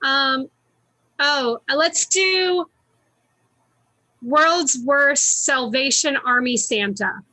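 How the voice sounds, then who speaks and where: A woman running improv games, calling out performers and prompts in an unhurried way. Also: high voice, pushed and bright, no echo, poor audio. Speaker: improv game caller.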